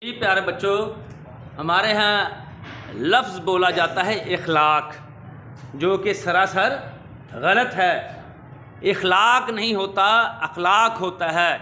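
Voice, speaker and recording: A man teaches children how to pronounce words. His voice sits high and bright, and he stretches each word slowly before quizzing them with rising questions. The sound is roomy and echoey, with a faint hum behind it. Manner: slow, drawn-out repetition of words. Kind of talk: pronunciation lesson for children. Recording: echoey room with faint ambience.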